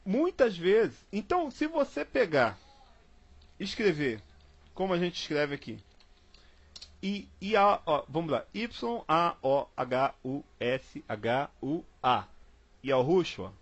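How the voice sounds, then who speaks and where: A man from Brazil gives a casual Bible study lesson at an unhurried pace, repeating himself and spelling words out letter by letter. His voice is fairly high and swings up and down a lot. The sound is dull and lo-fi, as if over an online call. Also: big pitch swings.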